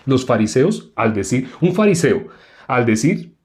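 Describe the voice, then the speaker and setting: A man preaching in a relaxed, explanatory way, often stopping to ask the listeners rhetorical questions. His voice is mellow and sits at a middle pitch for a man. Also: measured pace. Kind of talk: sermon.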